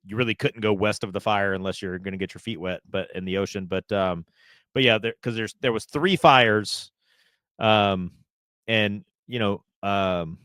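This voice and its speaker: Laid-back man with a low voice. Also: moderate pace, a bit bright, dry recording, clean studio sound. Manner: laid-back, explains with many fillers. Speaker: podcast co-host. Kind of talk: casual podcast chat.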